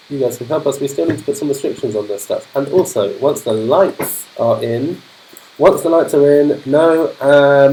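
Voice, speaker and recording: A man from London with a polished, non-Cockney London accent, an English teacher commentating a game livestream, speaking slowly and clearly for learners. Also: mid-range voice, background noise. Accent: polished London English, not Cockney. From London, England. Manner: upbeat, keeps saying fantastic.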